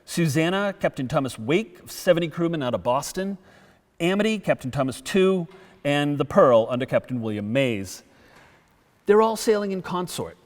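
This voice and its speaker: A man's voice: on the high side, normal speed. Storytelling man lecturing in a reverberant hall. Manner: lively storytelling, acts out quotes. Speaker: guest lecturer. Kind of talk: public history lecture. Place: town hall.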